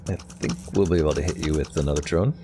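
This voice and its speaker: A man's voice: a bass voice, fast talker, background noise. A man giving casual gameplay commentary, thinking aloud tentatively as he plays. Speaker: gamer narrating own play.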